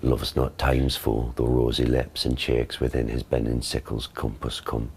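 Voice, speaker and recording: A man reciting Shakespearean English verse in a measured, declaimed way. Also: extremely low pitch, flat delivery, a little mellow. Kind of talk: demonstrating Shakespeare verse in original and modern pronunciation.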